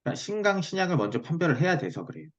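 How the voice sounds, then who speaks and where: Man teaching, lively pitch, dull call audio. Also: very fast. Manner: checks listener's understanding often. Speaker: fortune-telling teacher giving a lesson. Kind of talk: explanatory one-on-one online lesson. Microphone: video call.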